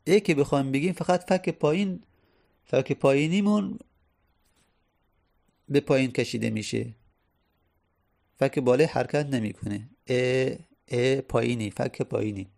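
A man's voice: on the high side, gravelly, darkish tone. A male teacher explaining grammar step by step. He repeats key phrases and sounds out vowels to demonstrate. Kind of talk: Arabic grammar lesson.

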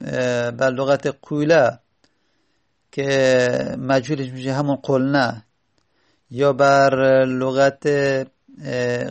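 A man teaching a grammar lesson, reading a text aloud and then explaining it slowly with frequent pauses. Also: mid-range voice, creaky. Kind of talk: classroom lesson explaining Arabic morphology.

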